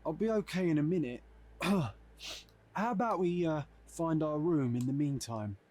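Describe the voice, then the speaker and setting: A man's voice: fairly high pitch, lively intonation, measured pace, darkish tone. An actor playing a young man, an informal, chummy and teasing companion in a video game. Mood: woozy.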